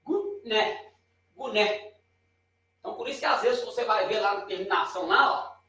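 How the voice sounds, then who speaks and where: A man's voice: high-pitched, moderate pace, pushed and bright, recorded from a distance. A man with a Brazilian Portuguese accent giving a chatty, informal lesson at a board, pointing and correcting himself as he explains. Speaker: teacher. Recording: very echoey room, voice off-mic.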